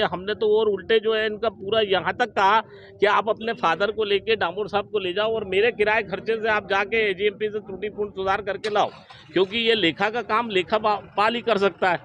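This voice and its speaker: A man speaks as a government official, explaining procedure in a halting, bureaucratic way. His voice is high, and faint traffic noise sits behind him. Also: fairly even intonation, a bit bright, lo-fi sound. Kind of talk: interview response.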